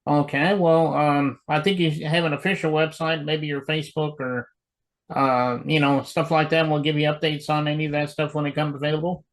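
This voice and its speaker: A man's voice: a little high, little pitch movement, normal speed, poor audio. A man hosting an interview show in an easygoing way, with lots of fillers. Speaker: show host.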